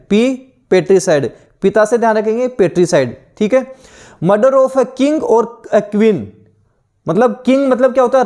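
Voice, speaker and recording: A man's voice: high voice, a little mellow. A young Indian man teaching an online exam-prep lesson, repeating each answer and asking rhetorical questions. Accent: Indian English. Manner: drilling repetition, rhetorical questions, slow deliberate reading of definitions.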